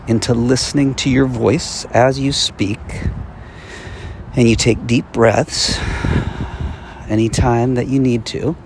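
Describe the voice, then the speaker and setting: A man giving a guided motivational mindfulness talk, speaking deliberately with long pauses, recorded outdoors in a busy park. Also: mid-range voice, creaky, a little hiss or hum. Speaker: self-help meditation coach. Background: park background sounds, passing vehicles.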